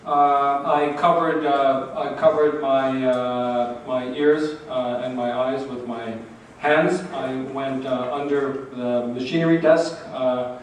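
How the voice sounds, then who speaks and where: A man interpreting a talk into English, searching for words with halting restarts. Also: medium pitch, fairly even intonation. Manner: halting, many fillers and restarts. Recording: echoey hall from far off with faint noise.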